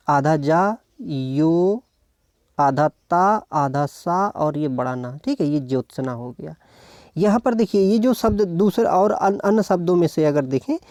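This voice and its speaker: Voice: mid-range voice, a little mellow, no echo. An exam-prep tutor giving an online lesson, patiently talking through each practice question, posing questions and then answering them. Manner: patient, talks through each answer and asks itself questions, keeps checking in with "ok".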